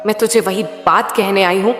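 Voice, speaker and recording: A woman's voice: mid-range voice, steady tone, a bit bright, natural voice. A woman voicing a tender mother goddess. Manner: slow, soothing, intimate address. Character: loving mother goddess, tender, all-knowing, consoling. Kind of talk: devotional spoken message. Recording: echoey hall with faint sitar music.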